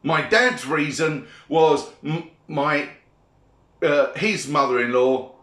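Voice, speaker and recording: A man's voice: fairly high pitch, takes it slowly, fairly bright tone. A middle-aged British man giving a blunt, sweary opinion monologue in a grumpy old man's grumbling manner. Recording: echoey room.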